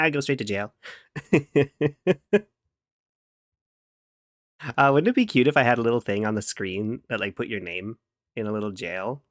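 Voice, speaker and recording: A man's voice: medium pitch, measured pace, long pauses, fairly bright tone, no room sound, clean studio sound. A man chatting casually with viewers on a live stream, playful and giggly, humming and scatting to himself between remarks. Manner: playful, giggly, hums and scats to himself while working.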